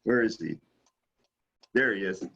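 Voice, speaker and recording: A man's voice: lowish voice, expressive, a little slow, creaky, sharp tone. A man chatting casually in a group over muffled video-call audio. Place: online video meeting.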